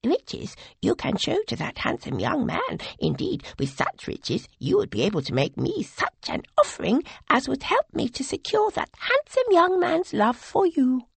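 Male narrator doing a tiny scheming skull spirit, creaky and breathy, dry close sound. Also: extremely high pitch, huge pitch swings, unhurried, hardly any pauses, no echo, pitched above the performer's own voice, exaggerated voice. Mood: wheedling. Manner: wheedling, tempting. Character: scheming, flattering small skull god.

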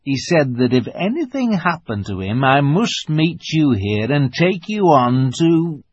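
A man voicing a secretive male beaver in a storybook reading, with a hoarse, throaty whisper, hushed and slow. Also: a little high, big pitch swings, dry recording, dull audio, voice pushed up, full character voice. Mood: confiding.

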